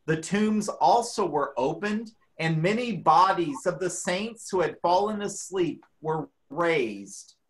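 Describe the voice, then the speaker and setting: A woman giving a dramatic scripture reading in a measured, deliberate manner. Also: fairly low pitch, expressive, rough recording. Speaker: scripture reader.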